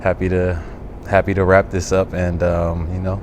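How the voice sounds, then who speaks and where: A man's voice: low-pitched, normal speed, slight background noise. Easygoing man on a basketball court. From California. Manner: relaxed, easygoing, many fillers and restarts. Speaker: basketball player guest. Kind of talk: casual interview while shooting around.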